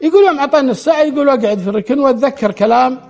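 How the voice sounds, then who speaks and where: High-pitched fast storyteller man. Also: darkish tone, faint music behind. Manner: retells dialogue in quotes, frequent restarts. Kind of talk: spoken storytelling.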